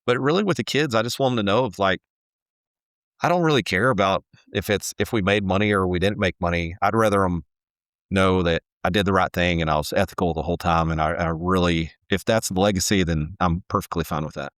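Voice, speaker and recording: A man in his forties with a deep voice answers questions in an earnest, halting way, restarting sentences as he goes. The sound is dry and close, with no room behind him. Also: fairly bright tone, no room sound. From Texas. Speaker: home builder, guest. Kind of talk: casual interview answers.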